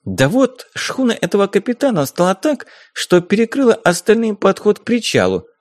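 A man's voice: sits high, wildly swooping pitch, moderate pace, no room sound, studio quality, voice pushed up, heavily acted. A man voicing a pretty, strict young woman who lectures earnestly in an audiobook. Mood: insistent.

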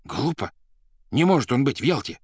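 A man voicing an excitable, fussy male theater administrator who stammers and speaks up eagerly. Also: mid-range voice, moderate pace, breathy edge, no echo, clean studio sound, voice pushed up. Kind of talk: audiobook character voice.

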